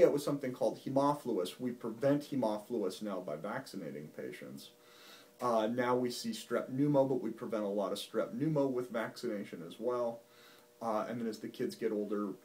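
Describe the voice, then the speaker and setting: Folksy doctor explaining, heard from a distance. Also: male voice, fairly low pitch, a little mellow. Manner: folksy, plain-spoken, patiently explaining. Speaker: physician. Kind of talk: medical explainer talk to camera. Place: doctor's office.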